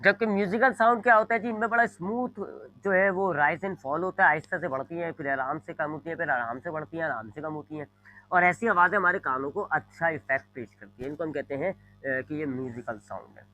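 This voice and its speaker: Fast and sharp-toned with a slightly high pitch, a male physics teacher speaks in a rough microphone recording. His classroom lecture features board drawings made as he talks, repeated everyday examples, frequent "जी", and a mix of English terms.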